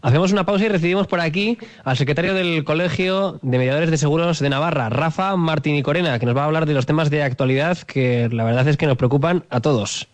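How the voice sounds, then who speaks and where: A man from hosting a radio show, brisk and upbeat as he hands over to guests and ads. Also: on the high side. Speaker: radio host. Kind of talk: radio presenting.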